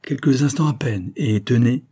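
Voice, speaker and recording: A man doing a mysterious young woman, soft, sad, commanding, raised pitch, husky voice. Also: moderate pace, natural voice. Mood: firm. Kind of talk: audiobook reading.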